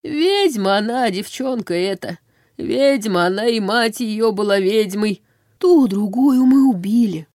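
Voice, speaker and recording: A woman voicing a revived corpse of a hateful male villager, with a hoarse, wheezing rasp and short, broken, accusing phrases. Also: medium pitch, darkish tone, dry recording, clean studio sound.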